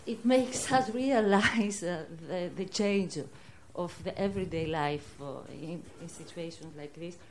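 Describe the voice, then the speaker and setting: A woman's voice: fairly low pitch, unhurried, few pauses, slight background noise. A woman in the audience making a hesitant comment, often searching for words. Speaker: audience member. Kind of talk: spontaneous comment.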